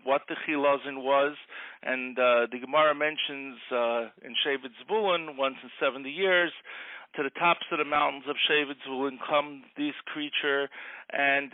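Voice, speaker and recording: A man speaking as a phone-in guest on a radio show. His voice is somewhat high, and the line sounds thin and phone-like. He explains at a measured pace, pausing with "uh" as he goes. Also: no room sound. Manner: measured explaining with frequent "uh" fillers. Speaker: rabbi guest on a call-in show. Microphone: telephone.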